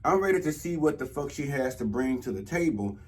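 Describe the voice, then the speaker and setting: A man's voice: medium pitch, expressive, brisk, darkish tone. A man hosting a casual review show, talking in a blunt, exasperated, rambling way and swearing freely. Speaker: host of a reality TV review show. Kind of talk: casual profane recap and commentary.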